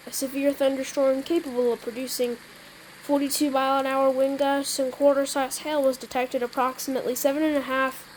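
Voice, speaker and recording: Poor audio and slight background noise accompany a high-pitched woman's voice. Playing a game, she role-plays an emergency alert scenario, alternating casual chat with made-up weather bulletins; she stumbles when reading text aloud and clears her throat often.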